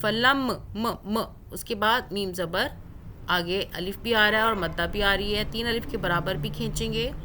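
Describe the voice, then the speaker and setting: A woman teaching Quran recitation rules step by step, drawing out the recited words slowly. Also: mid-range voice, background noise. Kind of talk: tajweed lesson with recited examples.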